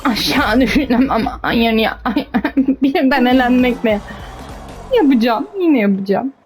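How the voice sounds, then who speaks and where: A young woman streams her own gameplay with casual, chatty commentary, cheering herself on and getting exasperated at the game. Her voice is a little high and measured, with faint music behind her.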